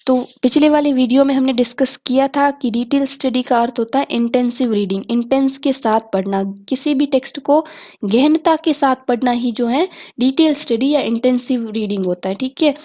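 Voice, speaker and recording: A woman's voice: high-pitched, a little mellow. A woman teacher with a Hindi accent reads multiple-choice exam questions and their options aloud, then explains the answers, often saying "okay" between points. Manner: often says "ठीक है" and "okay" as fillers.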